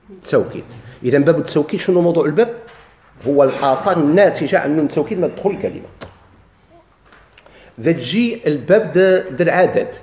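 A man with a Moroccan Arabic accent teaches grammar at a brisk, rapid clip. He keeps asking questions aloud and answering them himself. His fairly high voice has a mellow tone and rings in a roomy space. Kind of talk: grammar lesson.

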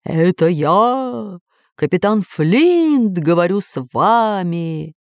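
A woman voicing the ghost of a male pirate captain, speaking slowly and menacingly. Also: lowish voice, lively intonation, no echo, studio quality. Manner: slow, drawn-out, threatening.

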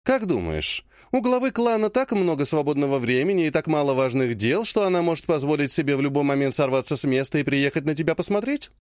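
A man voicing a powerful woman clan head who speaks in a slow, honeyed yet threatening way. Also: a little high, sing-song, dry recording, studio quality. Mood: honeyed menace. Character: sweetly menacing older woman clan head.

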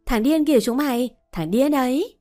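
A woman's voice: sits high, lively intonation, normal speed, dark tone, soft background music, voice pushed up. A woman voicing a bratty young boy who taunts and then begs in a raised voice. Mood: taunting.

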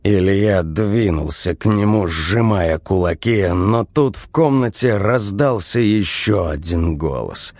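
A man reading a story aloud as a narrator, in a measured, expressive storytelling manner. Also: sits low, dry recording. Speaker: audiobook narrator. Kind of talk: scripted narration.

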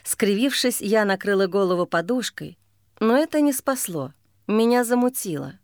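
A woman's voice: mid-range voice, expressive, moderate pace, darkish tone, dry recording, clean studio sound. A woman narrating a first-person audiobook in an intense, bitter, emotionally charged way.

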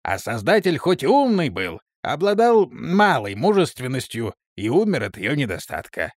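A man's voice: medium pitch, huge pitch swings, normal speed, no echo, studio quality. A man voicing a pompous male onion-headed clone captain who blusters and boasts, in an audiobook reading.

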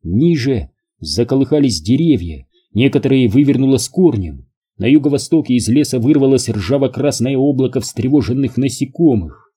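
Reading an audiobook at a middle pitch, a man narrates in an even, measured manner. His voice is very dark and mellow, with some huskiness to it.

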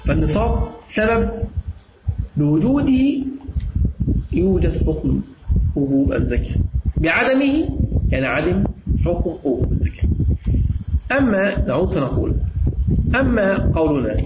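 A man's voice: on the high side, very animated, measured pace, long pauses. A man with an Egyptian accent teaching a class. He explains step by step, repeats key phrases and quizzes his students. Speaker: teacher of Islamic jurisprudence. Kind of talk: classroom lesson with questions to students. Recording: echoey, dull lo-fi room recording with clear noise.

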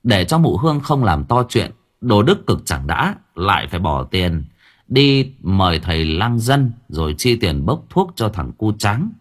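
A man narrating an audiobook story in an expressive storytelling manner. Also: fairly low pitch, measured pace, husky. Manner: expressive, swinging voice for drama.

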